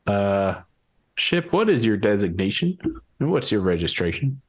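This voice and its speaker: Husky man chatting through a tabletop game. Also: on the low side, big pitch swings, normal speed. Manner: informal, hesitant, thinking aloud. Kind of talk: casual in-game chat.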